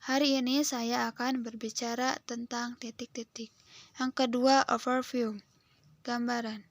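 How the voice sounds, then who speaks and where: Young woman, Indonesian accent, slow careful reading, fairly high voice, dry close sound. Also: level tone, no room sound. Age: young adult. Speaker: student presenting a lesson. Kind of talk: reading English phrases with translations.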